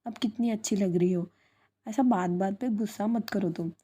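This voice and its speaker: A woman's voice: mid-range voice, moderate pace, mellow, breathy edge, lightly acted. A woman reading out a playful, affectionate young woman who coaxes and teases her friend sweetly. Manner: teasing, sweet, coaxing.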